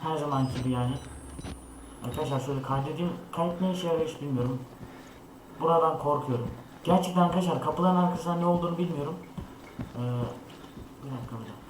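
A young man narrates a horror game for his viewers. His voice sits somewhat high, and he talks in a jumpy, nervous way, calling out whatever he finds. The recording is roomy and echoey, with clear noise underneath. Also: fast talker. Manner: jittery, talks to viewers, frequent scared remarks. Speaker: gaming channel host. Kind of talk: horror game let's play commentary.

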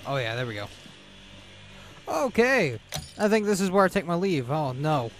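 A man's voice: on the high side, very animated, moderate pace, faint music behind. A man doing casual, jokey playthrough commentary, reacting to a video game as he plays. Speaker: gaming video host.

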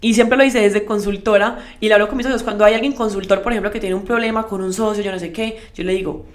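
A young adult woman leading a network marketing team, giving a motivational live talk and speaking straight to her audience with lively asides. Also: mid-range voice, fast talker. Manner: emphatic, addresses the audience directly.

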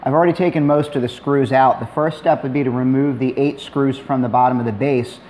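Middle-aged male tutorial host, mid-pitched, easygoing and plainspoken, faint noise behind. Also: a little fast. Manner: relaxed, plainspoken, dry asides. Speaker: maker demonstrating a robot build. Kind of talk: tutorial narration.

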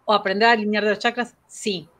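A woman with a Rioplatense Spanish accent hosts a live spiritual talk. Her delivery is rapid and lively, she poses question after question, and she laughs at herself. Her voice sits at a middling pitch. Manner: fast-talking, laughs at herself. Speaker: host.

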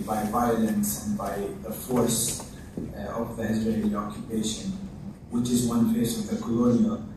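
A man reading a statement at a panel in a lecture room, measured and formal. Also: medium pitch, noisy background. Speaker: panel speaker. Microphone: far camera. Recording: echoey room from far off.

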